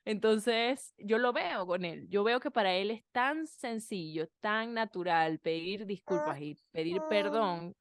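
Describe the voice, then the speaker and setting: A woman's voice: mid-range voice, unhurried, hardly any pauses, dry recording. A mother sharing personal stories in a podcast conversation, chatty and heartfelt, with frequent fillers.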